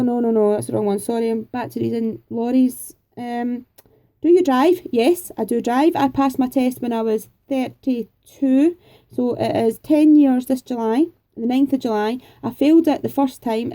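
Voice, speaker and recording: Warm in tone and fairly high in pitch, this woman from Scotland, in her forties, chats casually while answering questions from viewers. She is homely and talkative, drifts off on small tangents, and uses plenty of fillers.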